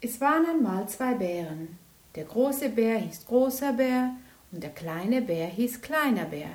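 A woman reads a bedtime story aloud, gentle and unhurried. Her voice sits fairly high and moves along at a slow pace. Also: sing-song.

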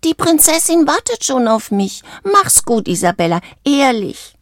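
An anxious little frog who swears he is really a prince, as a woman reading a storybook puts him on. His voice sits far higher than her own and bursts out loud and emphatic, and it sounds close and dry with no room around it. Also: measured pace, no echo. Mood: wistful. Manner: high, excited and emphatic, keeps saying "honestly". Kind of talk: storybook read aloud.

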